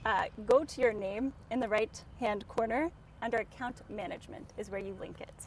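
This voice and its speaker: A bubbly woman co-hosts a livestream from a campfire in the woods, laughing often. Her high voice comes through a crackling, crunchy feed with a faint hiss behind it. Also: moderate pace. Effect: crackling, crunchy stream audio. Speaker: dev stream co-host. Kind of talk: casual livestream chat.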